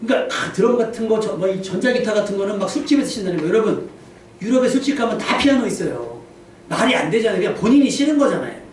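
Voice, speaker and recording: A man preaching a lively, humorous sermon as pastor, acting out little quoted scenes. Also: high-pitched, quick pace. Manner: animated, humorous, acts out quotes. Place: church sanctuary. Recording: very echoey church hall, distant mic, faint noise.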